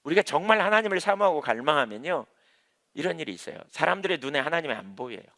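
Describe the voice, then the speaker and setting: A man's voice: on the high side, big pitch swings, fast, pushed and bright. A man preaching an evening sermon in church as its pastor, emphatic, repeating key phrases and asking rhetorical questions. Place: church, evening prayer service. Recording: reverberant church hall.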